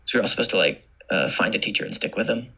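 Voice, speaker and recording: A young man in casual chat whose voice is bright and gravelly, with plenty of vocal fry. He rambles through his stories with restarts and laughter, on a muffled lo-fi recording. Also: lowish voice, expressive, rapid-fire.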